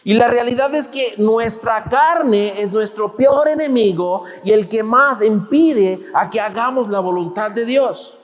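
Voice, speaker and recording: A man's voice: sits high, a little slow, hardly any pauses, long reverb tail. A man preaching a sermon in a church, delivering it as a pastor with emphatic rises and falls.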